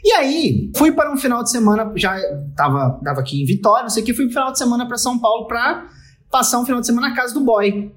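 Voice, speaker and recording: A young man with a Brazilian Portuguese accent, co-hosting a podcast and telling a story in a lively, laughing way with quick asides. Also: very high-pitched. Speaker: podcast co-host. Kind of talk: casual storytelling chat.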